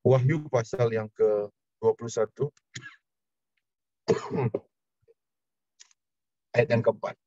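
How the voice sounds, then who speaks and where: A man's voice: extremely slow, long pauses, mellow, no echo. Emotional male preacher, dry dull sound. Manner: emotional testimony, swinging pitch. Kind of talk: sermon.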